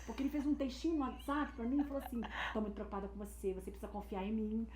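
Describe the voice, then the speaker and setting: A woman in her thirties tells a story at a brisk clip, jumping into lively voices for everyone she quotes. Her voice sits a touch high. The room is echoey, with a faint hiss behind. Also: crowd noise. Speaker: guest. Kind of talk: storytelling in casual chat.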